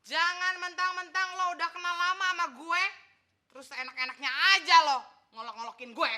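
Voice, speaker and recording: A woman playing a fiery, jealous wife in a sitcom, scolding and quick to anger. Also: very high-pitched, steady tone, pushed and bright, full character voice. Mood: indignant. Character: fiery jealous wife, sharp-tongued and loud. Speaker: office worker confronting her husband. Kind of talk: sitcom acting. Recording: noisy set with a laughing studio crowd.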